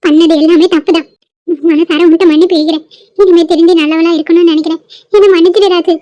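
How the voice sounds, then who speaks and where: A woman's voice: very high voice, fairly even intonation, fast talker, warm tone, no echo. A woman voicing a remorseful old grandmother in a cartoon, begging forgiveness in a tearful voice. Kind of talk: cartoon voice acting.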